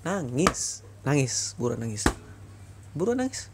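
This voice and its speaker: A man's voice: mid-range voice, sing-song, unhurried, noisy background. A young man voicing a bitter boyfriend in an ASMR boyfriend role-play, scolding his toxic ex over and over in a heated voice. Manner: heated, reproachful, repetitive scolding.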